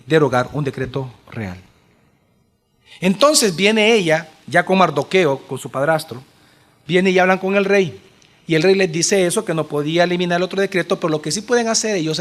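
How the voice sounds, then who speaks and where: High-voiced pastor telling a story. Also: male voice. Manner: animated storytelling, acting out the characters' lines; asks the congregation questions. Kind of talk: sermon.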